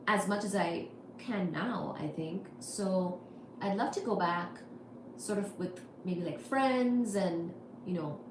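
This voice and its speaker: A woman from India hosting a casual livestream, answering chat comments with wry asides. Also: mid-range voice. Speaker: livestream host. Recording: echoey room with faint noise.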